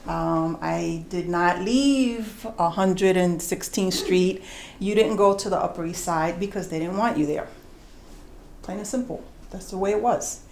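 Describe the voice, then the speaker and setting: A woman's voice: on the low side, vocal fry, echoey room. New woman telling a story live. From New York, USA. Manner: animated, conversational, acts out voices and slows for emphasis. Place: storytelling concert venue with audience.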